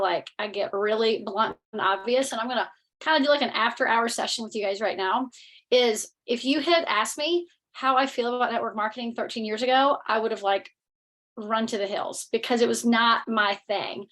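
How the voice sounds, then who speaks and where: A woman's voice: fairly high pitch, moderate pace, fairly bright tone, rough recording. A woman in her thirties from North Carolina with a Southern accent, candidly presenting on a webinar from home over a video call. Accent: Southern American. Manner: candid, blunt, chatty with many fillers. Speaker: network marketing leader.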